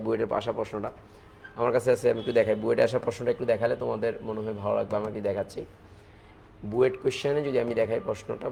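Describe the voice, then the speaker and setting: A man with a Bangladeshi accent and a gravelly, darkish mid-range voice lectures on chemistry over slight background noise. He speaks fast, repeats the key points, and blends English phrases into his teaching.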